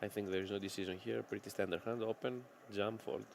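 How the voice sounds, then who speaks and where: Gravelly man from Greece, co-commentating. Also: lowish voice, steady tone, darkish tone, slight background noise. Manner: brief agreeing remarks, quick laughs. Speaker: poker co-commentator. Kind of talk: live poker commentary.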